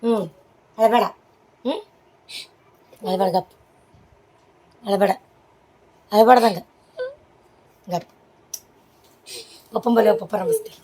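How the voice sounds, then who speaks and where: A woman's voice: medium pitch, slow, long pauses, dark tone. A mother, hosting a family vlog at home, coaxing and comforting and talking to viewers as friends. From Maharashtra border region.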